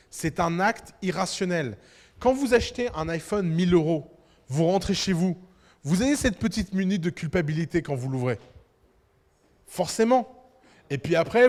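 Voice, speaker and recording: A man with a high-pitched voice lectures entrepreneurs in a big conference hall. He speaks in an animated, provocative way and addresses the crowd directly, and a long reverb trails behind his words.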